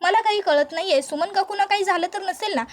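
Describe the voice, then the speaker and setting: An anxious young daughter-in-law, pleading and worried, as a woman narrator puts her on. The voice is very high and close to the narrator's own. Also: fast talker.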